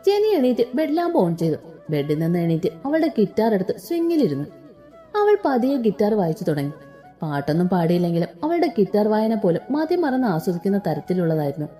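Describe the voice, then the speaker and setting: A woman narrating a story aloud in an expressive, dramatic reading style. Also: medium pitch.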